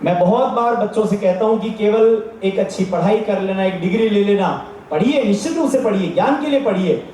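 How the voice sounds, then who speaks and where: A man's voice: high voice, fairly quick, dark tone, slight background noise. A man with a Rajasthani accent giving an earnest religious discourse to a gathering, exhorting his listeners. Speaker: spiritual speaker. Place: large gathering space. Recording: echoey from far off.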